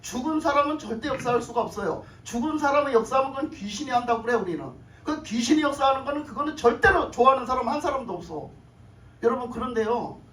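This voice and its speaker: A woman pastor preaches to her congregation, firing questions at them and repeating her points with an easy chuckle. Her voice comes from a distance across an echoey church, with faint noise behind. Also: on the high side. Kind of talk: sermon. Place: church sanctuary.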